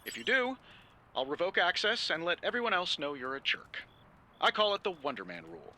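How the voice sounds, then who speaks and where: An actor playing a witty, self-assured superhero inventor in a game, delivering a glib pre-recorded hologram message like a product pitch. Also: male voice, very animated, brisk, noisy background. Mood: breezy, self-satisfied.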